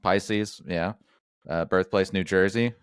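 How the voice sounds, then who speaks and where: Low-voiced joking podcast host. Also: male voice, takes it slowly, smooth, no echo, clean studio sound. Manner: rambling, jokey, lots of fillers and restarts. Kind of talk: casual interview chat.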